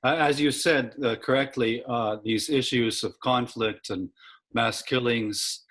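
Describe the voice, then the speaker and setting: A man hosting an interview, asking measured questions and rephrasing them carefully as he goes. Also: mid-range voice, steady tone, fairly bright tone.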